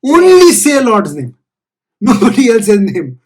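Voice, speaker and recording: A man's voice: very high voice, wildly swooping pitch, takes it slowly, darkish tone, husky. A man with a South Indian accent giving an informal spiritual discourse as a teacher, earnest and repeating phrases for emphasis.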